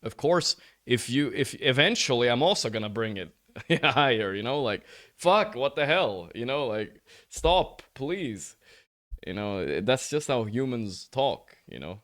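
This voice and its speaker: Frustrated man, casual stream chat, loud close mic, steady middle voice. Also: medium pitch, normal speed. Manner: frustrated, repeats "like, bro", swears freely. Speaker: streamer reviewing a match recording. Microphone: headset or desk mic, turned up high.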